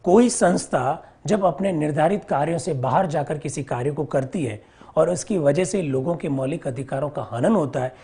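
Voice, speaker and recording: Man, lecturing teacher, slightly husky, drills terms by repetition and rhetorical questions. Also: fairly high pitch. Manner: repeats key terms slowly, asks and answers his own questions. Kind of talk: exam-prep polity lecture.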